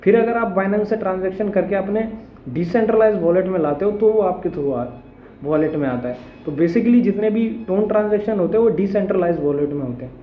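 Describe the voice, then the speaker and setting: A man's voice: sits high, fairly quick, reverberant, phone-quality sound, slight background noise. A young man explaining step by step in a casual tutorial, mixing English tech terms into his speech. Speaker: crypto tutorial host. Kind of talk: casual screen-recorded tutorial.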